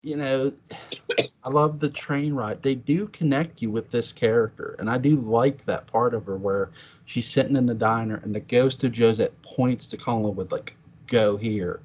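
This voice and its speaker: A man's voice: medium pitch, steady tone, moderate pace, a little mellow, husky. A man chatting as a podcast guest, telling stories animatedly and acting out his own reactions in quotes. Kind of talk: casual chat. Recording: dull lo-fi sound.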